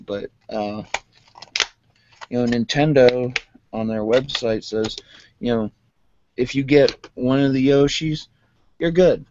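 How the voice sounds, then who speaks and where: Man, monotone, casual unboxing vlogger, rambles with fillers, dull lo-fi sound. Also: medium pitch, takes it slowly, long pauses, background noise. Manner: rambling, many fillers, calls own voice monotone.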